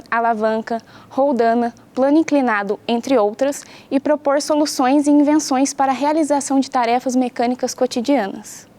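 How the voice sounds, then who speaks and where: A young woman teacher from Brazil, giving a patient home science lesson that explains things clearly and asks the pupils questions. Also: high voice, mellow.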